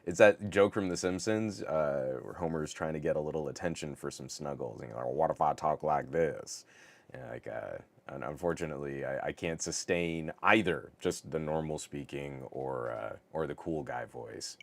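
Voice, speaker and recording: A middle-aged man hosting a live tech podcast, talking with a scratchy, sick-sounding voice in an excitable, over-the-top way with stammered restarts. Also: rumbling low, moderate pace, gravelly, few pauses. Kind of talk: casual live-stream chat.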